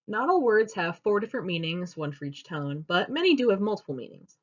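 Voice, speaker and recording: A young woman giving a class presentation, explaining step by step in a steady teaching manner. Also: mid-range voice, fairly quick. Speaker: student presenter. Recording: dull lo-fi recording.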